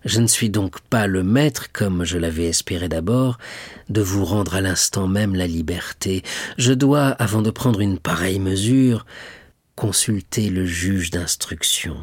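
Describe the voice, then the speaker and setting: A man's voice: mid-range voice, big pitch swings, slow pace, darkish tone, no echo. Man voicing a tense, guarded male magistrate. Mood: guarded, formal. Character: anxious scheming male magistrate.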